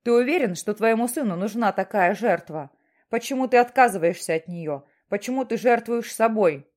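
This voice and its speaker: A woman's voice: fairly high pitch, animated, moderate pace, a little mellow, close to an everyday voice. A woman voicing a stern, mysterious voice from the sky that questions and lectures insistently.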